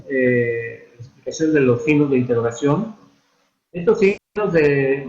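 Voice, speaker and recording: A man's voice: medium pitch, a little mellow. Man teaching with hesitant fillers, echoey. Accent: Mexican Spanish. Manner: unhurried, hesitant, many fillers and restarts. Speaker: instructor. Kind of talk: online lecture on writing and spelling. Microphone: computer mic for a virtual classroom. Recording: echoey, dull online-classroom audio.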